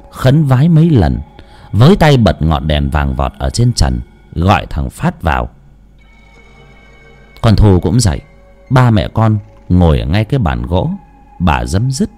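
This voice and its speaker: A man narrating a ghost story in a slow, ominous, dramatic style. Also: sits low, sing-song, mellow, soft background music. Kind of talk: scripted horror narration.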